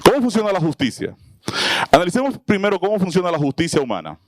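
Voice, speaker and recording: This preacher's high voice swoops wildly in pitch and moves at a quick pace, with a little hiss or hum in the audio. Teaching a Bible class to a small audience in a sermon style, he asks them questions and dramatizes small scenes.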